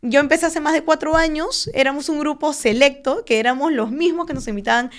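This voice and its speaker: A young woman, a stock trader and finance content creator, explaining things in a measured way with frequent fillers and tag questions during an interview. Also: high voice. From Peru. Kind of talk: conversational interview.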